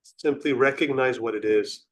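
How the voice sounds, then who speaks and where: A man guides a meditation at an unhurried pace, calm, reflective and instructive, leaving long pauses between brief phrases. His voice sits in the mid-range with a slightly bright tone.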